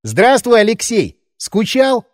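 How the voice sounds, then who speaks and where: A man's voice: very high voice, huge pitch swings, takes it slowly, dry recording, voice pushed up, full character voice. Give me a man doing a sardonic, scarred gunman who drawls his taunts, close and dry. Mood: mocking. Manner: drawling, mocking. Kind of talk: audiobook character voice.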